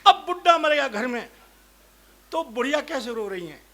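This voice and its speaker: A man's voice: very high voice, big pitch swings, moderate pace, sharp tone. A male comic poet, telling rustic village jokes on stage. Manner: rustic anecdotal joke-telling with dialect. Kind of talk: stage comedy storytelling.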